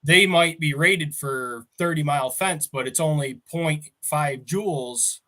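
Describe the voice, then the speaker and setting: A man's voice: on the high side, measured pace, pushed and bright. Casual rambling farmer man. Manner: rambling, storytelling, laughs often. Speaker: farmer guest. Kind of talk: casual chat.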